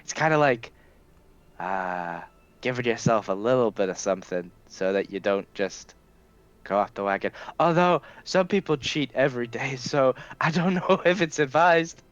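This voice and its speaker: A man's voice: medium pitch, expressive, moderate pace, muffled recording. A man playing a tabletop game who explains things hesitantly with dry jokes. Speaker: player. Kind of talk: in-character chat in a tabletop game.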